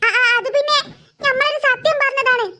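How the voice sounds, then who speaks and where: A woman's voice: extremely high pitch, steady tone, moderate pace, pushed and bright. A woman voicing a blundering, blunt little boy. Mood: blurting. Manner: stammering, blurting.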